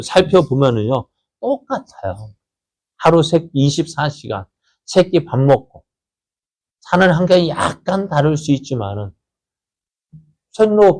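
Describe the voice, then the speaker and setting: A Korean-speaking man preaching to his congregation. He asks questions, answers them himself, repeats phrases for emphasis, and reads scripture slowly. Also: a little mellow. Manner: repeats phrases for emphasis, rising and falling pitch. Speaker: pastor. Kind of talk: sermon.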